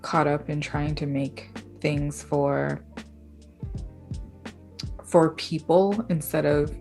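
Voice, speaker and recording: A young woman from Bangladesh, an artist and writer, speaking thoughtfully and softly in a casual interview with fillers and small laughs. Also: low voice. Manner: thoughtful, soft-spoken, with frequent fillers and light laughs.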